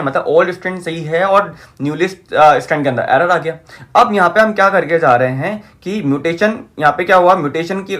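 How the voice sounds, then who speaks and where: High-voiced man lecturing in English. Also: fairly bright tone. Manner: repeats key terms, asks the class rhetorical checks. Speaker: teacher. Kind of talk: whiteboard lecture.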